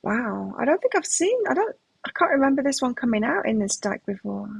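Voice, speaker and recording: A woman's voice: sits high, sing-song, brisk, gravelly, husky, no room sound, poor audio. A middle-aged woman with a mixed British and Australian accent, chatting and musing aloud as she reads tarot cards live. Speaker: tarot reader. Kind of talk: live tarot reading chat.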